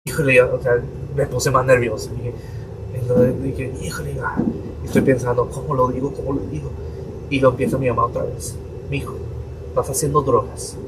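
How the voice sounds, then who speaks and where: A man's voice: mid-range voice, moderate pace. A young adult priest tells a personal story on a podcast, acting out his parents' voices as he goes. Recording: distant mic with steady room noise.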